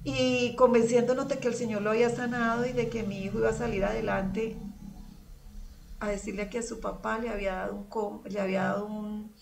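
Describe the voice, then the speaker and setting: A woman's voice: fairly high pitch, flat delivery, brisk, vocal fry, distant mic, background noise. Earnest Colombian woman sharing a testimony. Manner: earnest, emotional, often addresses the priest. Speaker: guest giving a testimony. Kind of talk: personal faith testimony.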